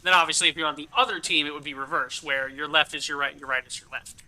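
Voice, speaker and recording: Male game streamer, casual and profane, rambling commentary, very sharp bright tone, a bit higher pitched. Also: fairly even intonation, fast, low-quality recording. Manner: rambling, thinking aloud.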